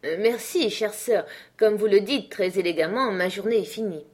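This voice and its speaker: A woman's voice: medium pitch, normal speed, darkish tone, breathy edge, voice pushed up, lightly acted. A woman reader voicing a carefree, swaggering young man who answers his sister with mock politeness. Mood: mock-polite, airy. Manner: airy, mock-polite, sing-song.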